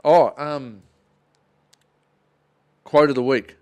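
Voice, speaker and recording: A man's voice: fairly high pitch, fairly even intonation, extremely slow, darkish tone, smooth. A man with an Australian accent hosting a casual podcast, chatting in a slangy, blokey way like an Aussie tradesman. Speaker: podcast host. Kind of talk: casual banter.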